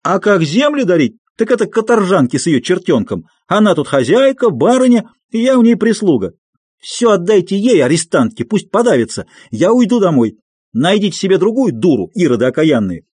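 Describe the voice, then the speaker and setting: A man reading an audiobook and voicing a furious young peasant woman who shouts and scolds. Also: mid-range voice, sing-song, fast talker, hardly any pauses, dry recording.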